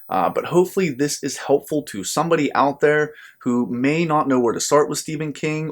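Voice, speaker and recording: An American man, the channel's host, presents a scripted book review to his viewers. His voice sits at medium pitch, and he speaks earnestly and measuredly, with emphatic phrasing.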